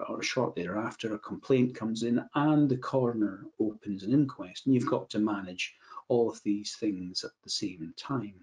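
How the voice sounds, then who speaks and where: A middle-aged Scottish man, a medico-legal adviser, giving a measured webinar presentation over a video call, often repeating words as he restarts phrases. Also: fairly low pitch, darkish tone. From Scotland. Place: indoor room, video call.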